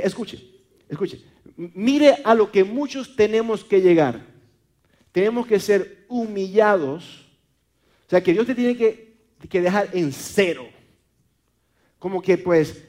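A man's voice: high voice, a little mellow. A man from Maracaibo with a Venezuelan accent, preaching a sermon, often repeating words and stumbling on fillers as he calls listeners brother.

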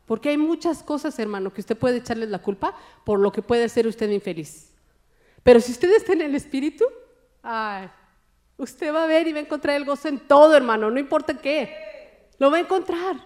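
High-voiced woman preaching playfully. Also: moderate pace. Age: adult, married. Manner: jokey and animated, often calls listeners brother. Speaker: lay preacher. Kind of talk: sermon.

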